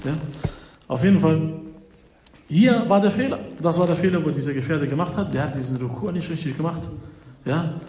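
A man's voice: on the high side, fast, mellow. A man giving a religious lesson, checking in with frequent "ja?" and explaining step by step. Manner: explains with frequent "ja?" checks, slightly nonstandard grammar. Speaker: preacher. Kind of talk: religious lesson retelling hadith. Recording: echoey hall with faint noise.

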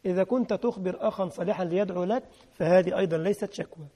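A man's voice: high voice, very fast, warm tone, breathy edge. A man preaching a sermon with an Egyptian accent, emphatic, repeating key phrases and quizzing his listeners. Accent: Egyptian Arabic. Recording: long hall reverb.

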